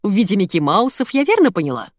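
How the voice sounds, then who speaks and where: A woman's voice: medium pitch, sing-song, fast talker, no echo, studio quality. A woman voicing a cheeky, sarcastic young woman pharmacist. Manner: conspiratorial, cheeky.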